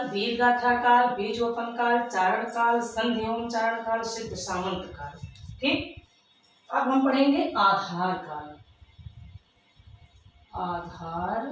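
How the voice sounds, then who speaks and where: A woman teaching a literature lesson, slowly repeating each term word by word and calling her students "beta". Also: mid-range voice, a bit bright. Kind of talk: dictation-paced exam lesson. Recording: echoey room from far off, faint hiss.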